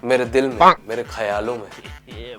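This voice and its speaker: A man's voice: medium pitch, fairly even intonation, measured pace, a bit bright, soft background music. A young man in a scripted comedy sketch, playing a husband and firing off sarcastic one-liners.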